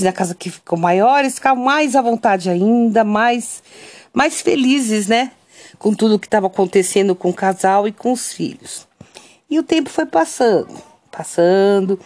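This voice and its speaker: A woman with a Brazilian Portuguese accent telling a family story in a casual, unhurried way, often checking in with tag questions. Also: medium pitch, darkish tone. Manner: unhurried, keeps adding "né?" tags.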